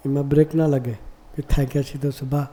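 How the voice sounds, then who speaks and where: A man delivers a devotional sermon in a deep, mellow voice. His pitch stays steady and level, and he keeps turning to the audience with rhetorical questions. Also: brisk. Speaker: monk preacher. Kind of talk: devotional discourse.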